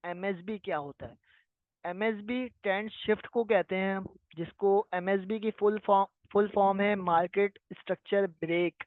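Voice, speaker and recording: High-voiced man with a tinny, lo-fi sound. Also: fairly even intonation, normal speed, dry recording. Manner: patient explaining, often checks in with listeners. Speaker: trading teacher. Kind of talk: live online lesson answering viewer questions. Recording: tinny phone-like sound, dry.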